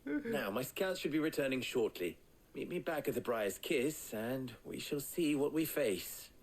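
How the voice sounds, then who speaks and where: A wry, formal leader. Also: male voice, medium pitch, sing-song, poor audio. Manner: measured, formal and dryly sardonic. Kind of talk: video game voice acting.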